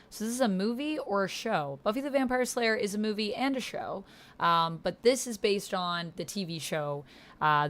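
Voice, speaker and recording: There's a little hiss or hum behind this woman's lowish voice. In her thirties, she's a streamer and player chatting informally on a livestream, playfully reading out typed roleplay and responding to it.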